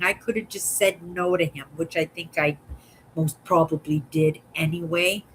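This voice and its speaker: A woman in her sixties speaks slowly and thoughtfully with a fairly low voice. She muses through her thoughts and keeps checking in with a soft "right?". A faint hiss of noise sits behind her. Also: poor audio. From Canada. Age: 60s. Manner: musing, ends phrases with a questioning "right?". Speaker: vlogger. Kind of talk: reflective casual monologue.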